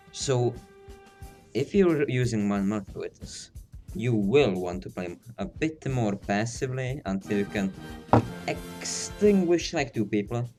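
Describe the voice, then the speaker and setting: A man's voice: lowish voice, a little mellow. Breathless man recording under a blanket. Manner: casual, rambling, self-deprecating. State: slightly out of breath. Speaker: video game guide maker. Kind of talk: casual game guide narration.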